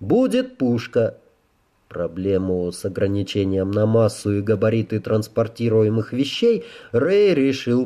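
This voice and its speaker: A man reading an audiobook as its narrator, in steady, even scripted narration. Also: on the low side.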